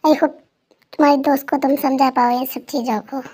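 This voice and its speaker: A woman's voice: high-pitched, steady tone, fairly quick, mellow, natural voice. A woman voicing a young husband who whines and complains like a child, in a fan story role-play. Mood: whiny. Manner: whiny and complaining.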